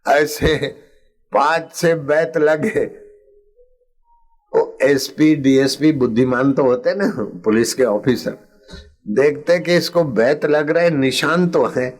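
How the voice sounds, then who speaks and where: Slow-speaking older Indian preacher. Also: male voice, a little high, soft background music. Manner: slow, chanting refrains and acting out story voices. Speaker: spiritual preacher. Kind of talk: satsang sermon with storytelling.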